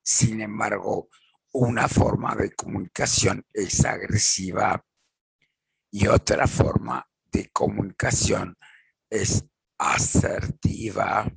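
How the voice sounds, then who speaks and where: A man giving a measured lecture, repeating points and acting out example phrases. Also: fairly low pitch, fairly even intonation, creaky, slightly rough, no echo, low-quality recording. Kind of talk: slow explanatory lecture with acted examples.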